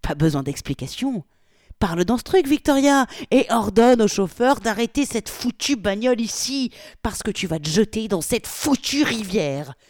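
A brutal male gangster snaps and swears in a loud, harsh voice, put on by a woman reading aloud. He barks orders without letting anyone answer, his lines rising high and swinging widely. It is a dry, close recording. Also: animated, normal speed, no room sound. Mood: furious. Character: angry brutal male gangster, foul-mouthed.

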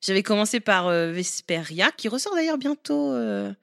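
A woman's voice: medium pitch, big pitch swings, normal speed, gravelly, a bit bright, no room sound, clean studio sound. A woman co-hosting a casual gaming podcast, playful and teasing, laughing often as she presents a favourite game.

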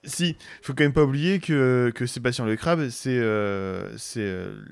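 A French man talks film music in a loose, rambling way, stumbling through restarts and sometimes humming a melody. His voice sits at an ordinary pitch and is recorded very close and dry. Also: measured pace, vocal fry, clear, resonant tone, no echo. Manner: rambling, many restarts, hums tunes. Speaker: podcast co-host. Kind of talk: casual chat about film music.

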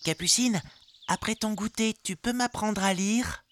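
A man's voice: sits high, measured pace, noisy background, pitched above the performer's own voice. A man voicing a young boy boar piglet, childlike, earnest and a little sulky, in a storybook reading. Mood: hopeful.

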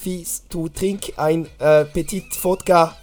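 A man voicing a young German woman speaking halting English with a mock German accent, giggling. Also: fairly high pitch, fairly even intonation, a little mellow, pitched above the performer's own voice. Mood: playful. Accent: French speaker imitating a German accent in English. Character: tipsy young German woman luring him out.

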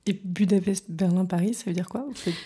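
Woman host, low husky voice, mellow tone, curious casual questions. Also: fairly even intonation, brisk. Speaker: interviewer, host.

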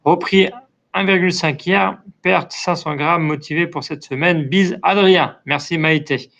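A French man hosts a casual live chat with his online community, reading out viewer messages and answering each one kindly between frequent "euh" fillers. His voice sits a little high and has a gravelly edge, and his throat sounds dry. The stream audio is dull and lo-fi. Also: unhurried, fairly bright tone. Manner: friendly, many hesitations and "euh" fillers.

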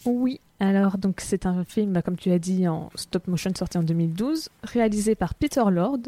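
A woman's voice: medium pitch, expressive, normal speed, mellow, no room sound. A woman co-hosting a casual film podcast, explaining things step by step with many fillers. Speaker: podcast co-host.

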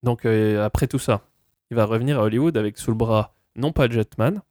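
A man's voice: medium pitch, fairly quick, a little mellow, dry recording, clean studio sound. A man co-hosting a casual chat, telling a story in a chatty way with frequent hesitations and asides to the listeners. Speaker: podcast co-host.

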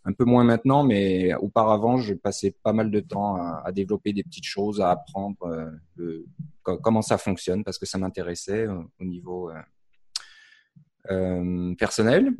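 A man from France with a Parisian accent softened by years in Canada, a podcast co-host explaining his setup in casual, pause-filled chat. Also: sits low. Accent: Parisian French, softened after years in Canada. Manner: relaxed, explanatory, with frequent "euh" pauses.

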